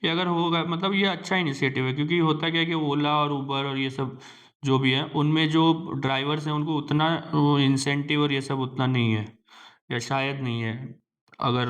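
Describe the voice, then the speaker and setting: A young man teaching exam aspirants in a relaxed lecture, slowly reading out English headlines and then explaining them casually in Hindi. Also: medium pitch.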